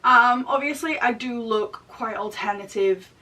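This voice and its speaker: Still getting over a throat and chest infection, this vlogger in her thirties talks casually as she works through a makeup tutorial. She speaks unhurriedly in a pushed, bright voice, recorded from a distance with a rumble in the background.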